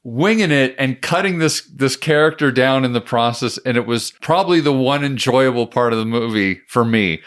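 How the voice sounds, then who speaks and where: A man's voice: mid-range voice, lively intonation. A man co-hosting a movie review podcast, easygoing and laughing often in casual chat. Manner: easygoing, laughs often, quick agreeing replies. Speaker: podcast co-host.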